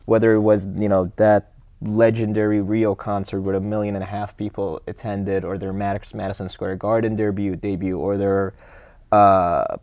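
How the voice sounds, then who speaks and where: A young adult man co-hosting a podcast, talking about a film in a relaxed, eager way and chuckling now and then. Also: lowish voice, moderate pace, no room sound. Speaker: podcast co-host. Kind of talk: casual chat.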